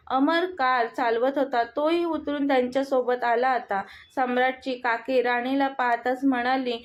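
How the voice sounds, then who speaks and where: A woman narrating a scripted story in a steady, plain reading voice. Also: high voice. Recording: dull lo-fi audio.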